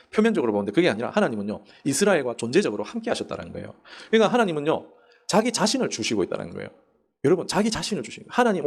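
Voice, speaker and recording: Korean pastor guy preaching super fast, pitch jumping all over, keeps asking the congregation questions and acting out little prayers. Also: gravelly. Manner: acts out quoted prayers and voices in the stories. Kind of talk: sermon. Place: church sanctuary.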